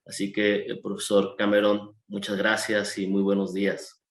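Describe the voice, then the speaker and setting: A man hosts a formal interview in a polite, measured manner with the odd filler. His voice sits fairly low. The recording has a noticeable room echo. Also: monotone. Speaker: interview host.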